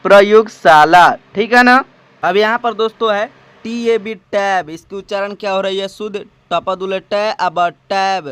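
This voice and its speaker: A man teaching English spelling and pronunciation, spelling each word out slowly and asking his viewers questions, recorded on a phone. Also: sits high, a bit bright, smooth, no room sound. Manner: slow and patient, spells words out letter by letter; repeats himself and asks the viewers questions.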